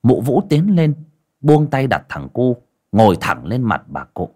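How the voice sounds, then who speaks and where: A man narrating a folk horror story in an expressive, dramatic way. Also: medium pitch, a little slow.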